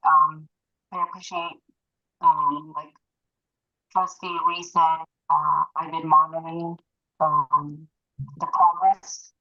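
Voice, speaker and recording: A woman trustee speaks over a video call whose audio keeps cutting out and breaking up. Her fairly low voice comes through dull and lo-fi, dry with no room sound. She pauses often with fillers. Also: bright, forceful tone, no room sound. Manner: hesitant, many fillers. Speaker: school board trustee. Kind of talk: remote remarks at a board meeting.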